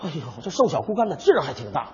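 A man performing comic crosstalk, telling an old hero story with an animated storyteller's delivery and sputtering when flustered. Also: on the high side, very fast. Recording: dull sound with long hall reverb.

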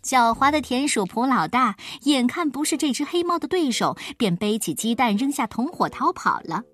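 A woman tells a children's story with a lively, swooping delivery. Her voice is slightly husky and pitched a bit high, with soft music behind. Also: normal speed.

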